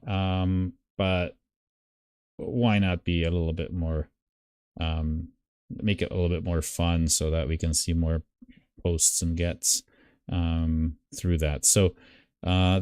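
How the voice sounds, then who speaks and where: A man's voice: low-pitched, darkish tone, smooth, dry recording, clean studio sound. A man hosting a live stream, walking through a diagram on screen and thinking aloud, with many fillers and restarts. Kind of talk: casual screen-share walkthrough.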